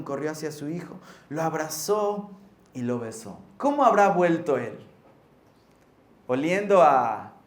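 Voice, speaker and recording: A male pastor, preaching and telling stories with joking asides. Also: a little high. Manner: animated storytelling with joking asides. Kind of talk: sermon. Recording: echoey room with faint ambience.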